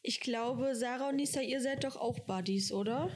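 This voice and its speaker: A woman's voice: on the high side, normal speed, slight background noise. A woman of eighteen, an apprentice, chatting enthusiastically and slangily. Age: young adult. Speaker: apprentice guest. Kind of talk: casual chat.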